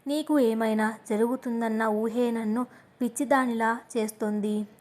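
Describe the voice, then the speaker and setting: A proud, wealthy young woman begging with a trembling voice, as a woman narrator puts her on. Her voice sits fairly high and stays even, with little melody. It is told as an audio story. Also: normal speed, natural voice. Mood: pleading. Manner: pleading, trembling voice. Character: proud rich young woman, pleading tearfully.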